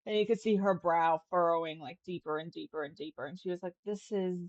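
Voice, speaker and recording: A woman's voice: lowish voice, fast talker, no room sound, muffled recording. A woman narrating a tabletop game as game master in a casual, meandering way. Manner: casual, meandering, filler-heavy.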